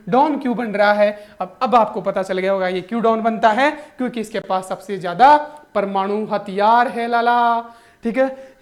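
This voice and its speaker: A man, teaching exam current affairs through jokey mnemonics in an animated, playful way. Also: very high voice. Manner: animated and joking, keeps calling the viewer brother. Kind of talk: comic mnemonic lesson.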